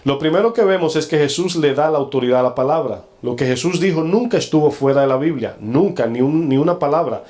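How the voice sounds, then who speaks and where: A man's voice: fairly high pitch, expressive, fast, hardly any pauses, a little mellow. A male pastor preaching a sermon to a congregation. He often asks the listeners questions and acts out quoted lines in a changed voice.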